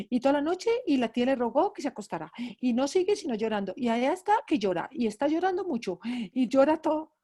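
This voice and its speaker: A woman's voice: on the high side, dark tone. Antioquian Colombian woman telling a grief story. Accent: Antioquian Colombian Spanish. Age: middle-aged. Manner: emotional storytelling, repeats words for emphasis. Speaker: grief psychologist teaching a class. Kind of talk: personal testimony in a lecture.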